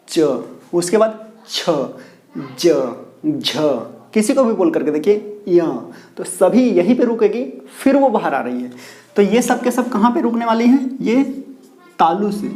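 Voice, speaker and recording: A man with a fairly high, slightly mellow voice teaches a classroom lesson on pronunciation. He poses questions, answers them himself, and repeats the key words, all with a roomy echo around him.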